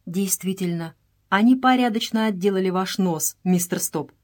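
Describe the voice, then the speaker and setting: A woman voicing a polite young boy who speaks gently and with mild teasing in a storybook reading. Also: medium pitch, moderate pace, lightly acted.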